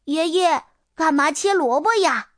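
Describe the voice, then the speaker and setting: A woman's voice: high-pitched, lively intonation, measured pace, no echo, clean studio sound, voice pushed up. A woman voicing a cheerful, caring little girl in a storybook reading. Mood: chirpy. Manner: sweet, coaxing, chirpy.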